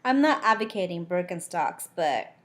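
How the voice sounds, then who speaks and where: A woman reading the lines of a cocky male vampire investigator from a novel, gruff when rushed and teasing otherwise, in her own voice. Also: lowish voice, very animated, fairly bright tone.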